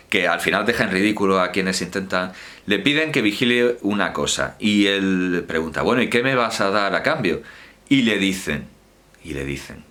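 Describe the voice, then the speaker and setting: A man's voice: low-pitched, pushed and bright. A man with a Spanish accent giving a university lecture, digressive, with restarts and rhetorical questions.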